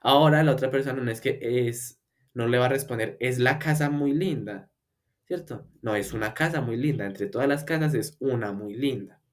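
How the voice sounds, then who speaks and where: A man of ordinary pitch teaches a beginner language class. He explains patiently, stacking up examples one after another. He slows right down whenever he models a word for the learner to repeat. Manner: slows down to model English words for repetition. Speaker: English teacher.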